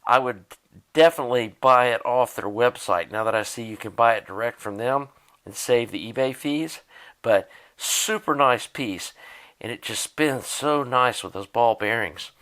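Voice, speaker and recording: This man speaks at medium pitch and a moderate pace, with a slightly bright quality. He's a hobbyist walking through a tape deck repair, talking it through off the cuff in a plainspoken, think-aloud style.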